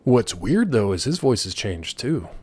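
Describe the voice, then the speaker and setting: A man's voice: fairly low pitch, big pitch swings, unhurried, a little mellow, husky. A man giving casual, rambling gameplay commentary, joking playfully as he chats with his viewers. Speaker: game streamer.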